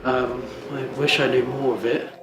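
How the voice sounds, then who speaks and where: A man's voice: mid-range voice, level tone, normal speed, music in the background. A young man answering an interview question in a wistful, hesitant way. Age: young adult. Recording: echoey room with noise.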